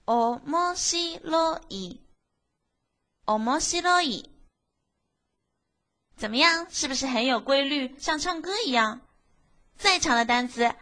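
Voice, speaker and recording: Woman teacher explaining step by step, high bright voice, keeps asking the class questions. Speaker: Japanese teacher. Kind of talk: language lesson narration.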